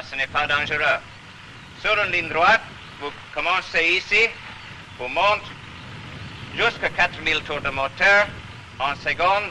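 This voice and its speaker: A man's voice: a little high, bright, forceful tone. A man instructing racing students bluntly, scolding mistakes, on a 1960s report. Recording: old 1960s film sound, noisy.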